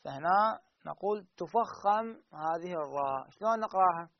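A man teaching Quran recitation rules, asking his students questions and answering them himself, drawing out the example words slowly. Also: high voice, lively intonation. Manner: drawn-out slow recited examples. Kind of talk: teaching lesson. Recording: dull lo-fi recording.

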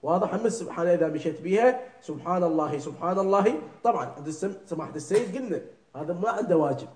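A man leads a religious class, his voice sitting somewhat high. He keeps stopping to ask whether he is understood and repeats words slowly to drill their pronunciation. The sound bounces around an echoey room. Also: expressive, a little mellow. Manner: keeps checking understanding with short questions. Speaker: religious teacher. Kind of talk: classroom lesson on prayer recitation.

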